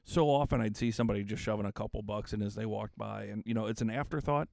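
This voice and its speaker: A joking man co-hosting a casual podcast chat. His voice is gravelly, with fry on the ends of phrases. It sounds dry and close. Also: fairly low pitch, quick pace, darkish tone, no echo. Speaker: podcast co-host.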